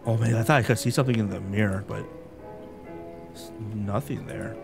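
A man streaming a game live, chatting excitably with viewers and laughing often. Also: on the low side, a little fast, vocal fry, over music.

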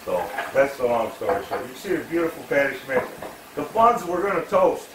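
A man's voice: medium pitch, very animated, brisk, background noise. Guy cussing thru a long rambly story while cooking, echoey kitchen, kinda far from the mic. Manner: profane, rambling, loud storyteller. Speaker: cooking vlogger.

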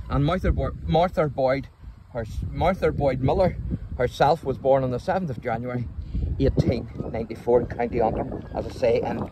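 A man, hosting a church history video and informatively explaining local history as he walks through a large cemetery. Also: medium pitch. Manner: informative, storytelling, explains terms as he goes. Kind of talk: walking tour narration. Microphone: phone camera held while walking. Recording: wind and outdoor noise.

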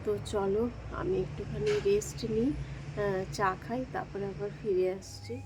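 A woman in her thirties with a Bengali accent, vlogging at home while sick with a cold and a blocked nose, speaking softly to spare her sore throat. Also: mid-range voice, fairly even intonation, unhurried, background noise. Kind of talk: casual home vlog narration.

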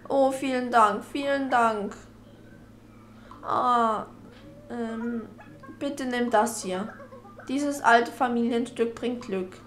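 A woman reading the part of a worried village mother in a game, soft and pleading. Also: on the high side, slow pace, pauses often, slight background noise.

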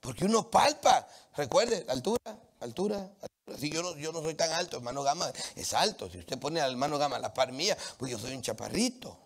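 A man from Latin America preaching a sermon, animated and emphatic, with humorous anecdotes from the street. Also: fairly high pitch, a little fast, hardly any pauses, breathy edge.

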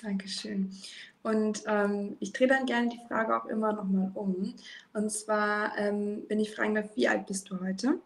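A woman's voice: medium pitch, steady tone, a little slow, creaky. A woman hosting a podcast, asking encouraging, reflective questions over a video call with frequent fillers. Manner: warm, encouraging questioner, often says "ähm". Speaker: podcast host. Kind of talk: casual conversational interview. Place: room with sloped ceiling.

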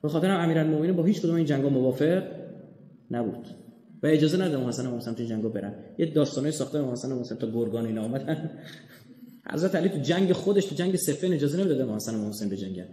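An Iranian man giving an animated religious lecture, swinging from loud emphatic points to hushed, low asides and acting out quoted speech. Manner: acts out quoted speech in storytelling. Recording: long hall reverb.

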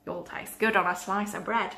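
A woman voicing a big, hungry male monster from a children's story, loud and slow. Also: mid-range voice, steady tone, vocal fry. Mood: booming. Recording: echoey room.

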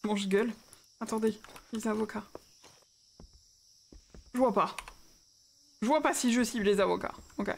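Excited young woman streaming a game. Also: medium pitch, moderate pace, gravelly, pauses often, a little hiss or hum. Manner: excited, chatty, talks to her pets and chat. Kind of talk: casual Minecraft livestream commentary.

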